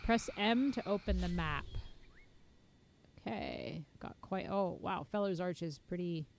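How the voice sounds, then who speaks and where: A woman's voice: on the low side, measured pace, a little hiss or hum. A woman streaming a game, giving casual, wry running commentary with sudden exclamations. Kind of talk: casual gameplay chat.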